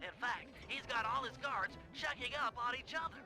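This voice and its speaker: Casting: a very high-pitched, brainy young turtle who plans heists; game voice over music. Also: male voice. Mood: briefing. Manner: brisk, briefing plans. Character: nerdy young male turtle strategist. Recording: game audio with music behind.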